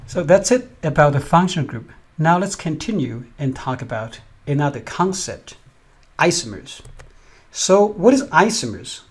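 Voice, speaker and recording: Husky-voiced man giving a chemistry lecture. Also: on the high side, animated, normal speed. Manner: explains step by step, often asks "right?". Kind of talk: recorded lecture over slides.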